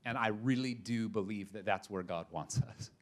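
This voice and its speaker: A male pastor preaching a sermon, emphatic, moving between quiet asides and loud punches, with casual slang. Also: lowish voice, normal speed.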